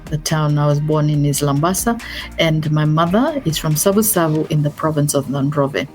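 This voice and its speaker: A middle-aged Fijian woman talking as an interview guest, her voice sitting low in pitch. She speaks earnestly and often circles back over her words, with soft music faintly under her. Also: normal speed. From Fiji. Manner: earnest, repeats and restarts words. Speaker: business advisor, guest. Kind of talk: interview conversation.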